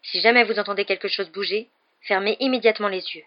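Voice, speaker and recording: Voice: mid-range voice, fairly even intonation, fast talker, lightly acted. A reader of a French audiobook voicing a brave, tense boy wizard who gives warnings and calls out. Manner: tense, shouting at times. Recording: dull lo-fi audio.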